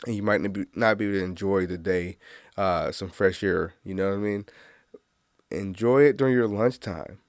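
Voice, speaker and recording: With a stuffy nose, a male podcast host sits low in his register and rambles at a normal speed through a solo chat, cursing freely and laughing at his own jokes. The sound is dry and close-miked, with no echo.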